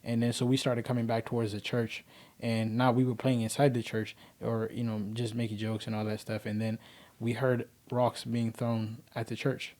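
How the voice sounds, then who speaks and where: A man's voice: mid-range voice, level tone, normal speed, darkish tone. A man in his twenties, from Kenya, telling his personal story as a podcast guest in an earnest, rambling way with lots of fillers.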